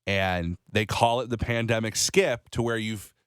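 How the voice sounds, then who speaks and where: A man in his thirties co-hosting a morning show, telling rambling, animated stories with a slight cold. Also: fairly low pitch, unhurried, clear, resonant tone, no echo, clean studio sound. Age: 30s. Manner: rambling, animated storytelling with restarts. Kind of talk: casual radio chat.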